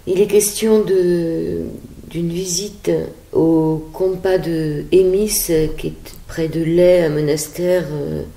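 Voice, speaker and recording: Woman, radio host, low pitch, conversational questions, roomy studio, faint noise. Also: steady tone, slow pace, dark tone. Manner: conversational, slightly hesitant questions. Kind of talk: radio interview.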